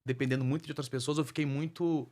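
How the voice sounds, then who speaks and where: Fast-talking fervent male preacher. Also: medium pitch, steady tone, a little mellow. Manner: fervent, repeats phrases for emphasis. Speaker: guest minister sharing his life story. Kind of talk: emotional testimony with preaching cadence.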